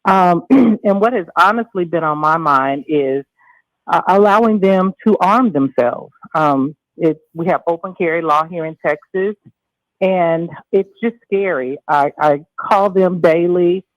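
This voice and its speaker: Female caller on a phone line, earnest and measured, dry close sound. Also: fairly low pitch, dry recording. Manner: earnest, measured, with frequent ums. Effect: over the phone, muffled at first. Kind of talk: call-in radio talk.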